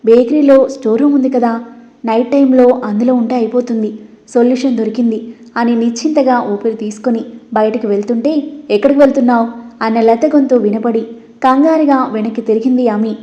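A woman narrating a scripted audio story in a steady, expressive way. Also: on the high side, a little fast, muffled recording.

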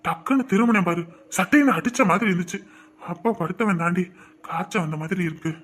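A woman's voice: on the low side, animated, fast. A woman voicing a frightened husband who groans weakly in bed with a fever. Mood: sick, shaky. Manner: weak, groaning.

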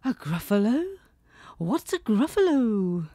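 A woman voicing a slinking male snake with a whispery, drawn-out voice. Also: on the high side, sing-song, warm tone, slightly rough, no room sound, clean studio sound, heavily acted. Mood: sly.

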